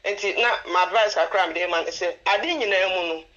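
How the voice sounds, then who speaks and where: A woman's voice: fairly low pitch, brisk, fairly bright tone. A woman with a Ghanaian accent giving informal advice as a caller to a phone-in show. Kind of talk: informal advice, switching between languages. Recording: dull band-limited call-in line.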